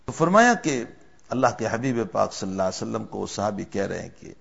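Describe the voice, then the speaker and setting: A man preaching a sermon as a story, with emotive delivery that swells loud and then drops low. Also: expressive, vocal fry, slightly rough, dull audio.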